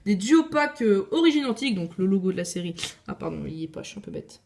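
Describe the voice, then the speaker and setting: A woman's voice: medium pitch, big pitch swings, fast talker, a little mellow, a little hiss or hum. A woman casually showing her card collection on video, chatty and opinionated, with frequent hesitations. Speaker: video creator.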